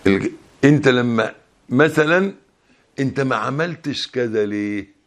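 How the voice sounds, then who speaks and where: A man's voice: medium pitch, expressive, moderate pace. Emphatic Egyptian preacher man. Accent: Egyptian Arabic. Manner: colloquial, emphatic, rising loudness when stressing points. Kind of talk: Ramadan sermon.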